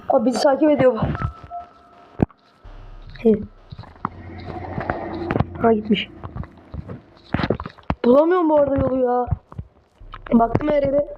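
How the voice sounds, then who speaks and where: Jumpy high-voiced woman gamer. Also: dull audio. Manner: jumpy, mutters to herself, swears when startled. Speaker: gamer playing a horror game. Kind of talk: casual horror game commentary. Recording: noisy home recording.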